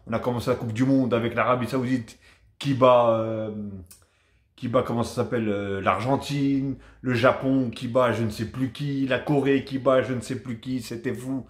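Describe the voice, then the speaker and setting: A man from France giving a casual, rambling football match debrief to his viewers, chatty and animated. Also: mid-range voice, normal speed, echoey room. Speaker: football vlogger.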